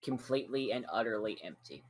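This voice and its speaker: A man's voice: on the low side, lively intonation, a little fast, husky. A man narrating as game master, describing scenes casually with frequent fillers.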